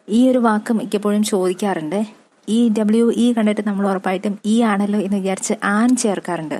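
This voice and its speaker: A woman with a Malayali accent teaching an English vocabulary lesson, slowly spelling out words letter by letter and repeating them. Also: medium pitch, a little mellow. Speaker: exam-prep English tutor. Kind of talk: classroom-style lesson.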